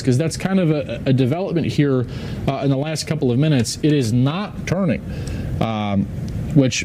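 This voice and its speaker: Higher-voiced man giving live weather coverage over noise. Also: warm tone. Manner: explanatory, thinking aloud with emphatic repetition. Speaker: TV meteorologist.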